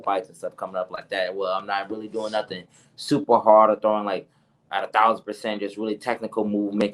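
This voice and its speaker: A male amateur fighter with a lowish voice. He gives casual interview answers in a loose, conversational style full of filler phrases. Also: fairly bright tone. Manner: conversational, often adds "you know" and "like".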